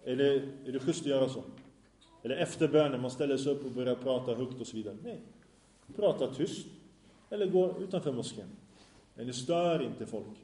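Medium in pitch, expressive and warm, a man's voice carries a roomy sound as he teaches religion to a class. The Islamic teacher, miked in a small room, keeps asking his students questions and then answering them on his own.

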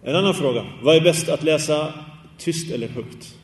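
A man's voice: a little high, echoey room, long reverb tail, recorded from a distance. A man teaching a religious study class, asking his students questions and chanting Arabic quotations in a sung tone. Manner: asks the class questions and answers them; recites Arabic phrases in a sung tone. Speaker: Islamic teacher.

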